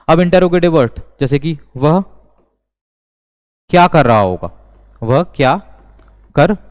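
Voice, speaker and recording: A man teaching an English grammar lesson, speaking slowly and deliberately and repeating each example sentence. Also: mid-range voice, smooth. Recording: long reverb.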